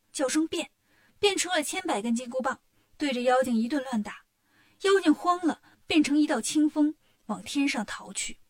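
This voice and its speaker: High-voiced woman telling a children's story. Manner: lively, expressive storytelling.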